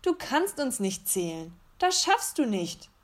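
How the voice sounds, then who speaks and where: Woman doing taunting stars, high chanting storybook voice. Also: sing-song, slow. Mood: mocking. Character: chorus of mocking dancing stars. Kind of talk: storybook reading.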